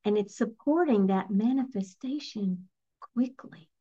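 A middle-aged woman, a spiritual energy coach, telling a personal story in an earnest, reflective, softly emotional way. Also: mid-range voice, unhurried, husky. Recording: slightly muffled lo-fi recording.

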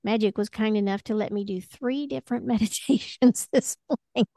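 A woman speaking as a spiritual healer and coach in a one-to-one conversation, gently reassuring as she guides. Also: fairly high pitch, moderate pace, no room sound, studio quality.

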